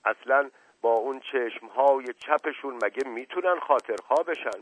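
A man's voice: medium pitch, dry recording, voice pushed up, lightly acted. A man voicing a simple, chatty old male servant who rambles in a folksy, earnest way. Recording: dry tinny radio recording.

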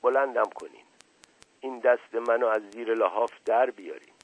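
A self-pitying, bedridden older man groans and pleads, as a male narrator acts him out. His voice is husky and dry, heard through a thin, phone-like old radio sound. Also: medium pitch, no room sound, natural voice. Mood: groaning.

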